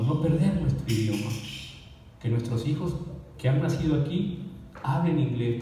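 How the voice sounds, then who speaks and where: Mellow-voiced man preaching in an echoey hall. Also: mid-range voice, distant mic, slight background noise. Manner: conversational preaching with rhetorical questions to the congregation. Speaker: pastor. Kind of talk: sermon.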